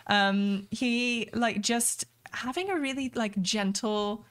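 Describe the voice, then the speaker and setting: A woman's voice: on the high side, takes it slowly, a bit bright. A woman co-hosting a gaming podcast, talking casually and laughing often as she acts out quotes. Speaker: podcast co-host.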